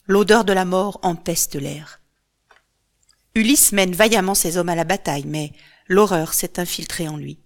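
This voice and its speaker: A woman narrating a myth as a storybook, calm and measured. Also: fairly low pitch.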